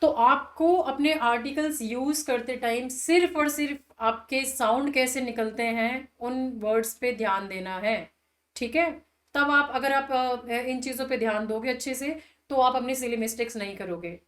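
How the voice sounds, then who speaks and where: A woman teaching an English grammar lesson. She asks the class questions and answers them herself, explaining patiently and reading example sentences slowly. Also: on the high side, fairly bright tone, roomy sound.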